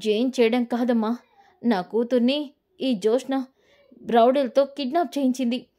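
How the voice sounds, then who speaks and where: A woman voicing a furious young mother, shouting. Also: fairly high pitch, steady tone, moderate pace, natural voice. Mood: angry. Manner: angry shouting, commanding. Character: fierce young mother, desperate over her kidnapped daughter.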